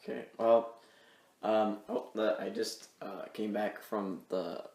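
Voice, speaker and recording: A man's voice: lowish voice, steady tone, slow, creaky, darkish tone. A man co-hosting a podcast, trading silly absurd jokes in improvised banter and stumbling playfully over words. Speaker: podcast co-host. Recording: roomy echo with faint noise.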